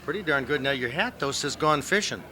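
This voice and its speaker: A man's voice: a little high, expressive, a little fast, bright, forceful tone. A man hosting casual interviews out in the field, folksy and enthusiastic in the way he talks. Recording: faint background noise, field recording.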